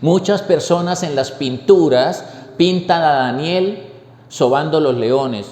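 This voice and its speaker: A man preaching a sermon, telling the story slowly and emphatically with repeated phrases. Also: on the high side, darkish tone, roomy sound, big-room sound.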